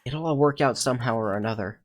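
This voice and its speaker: A man voicing a calm, protective young male companion in a horror game. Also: medium pitch, quick pace, lightly acted. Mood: reassuring.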